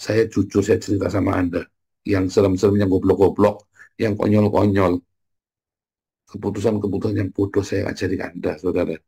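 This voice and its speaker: A man preaching an informal morning sermon, blunt and teasing, swinging from loud jabs to low murmurs. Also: flat delivery, brisk, gravelly, husky. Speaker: pastor.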